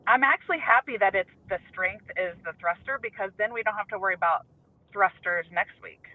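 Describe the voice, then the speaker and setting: A woman talks quickly and bluntly, her voice muffled and boxed in as if she were inside a box. It comes through a thin, tinny phone line with the low and high ends cut away. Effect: muffled, boxy sound, as if talking inside a box. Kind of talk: casual podcast chat by phone.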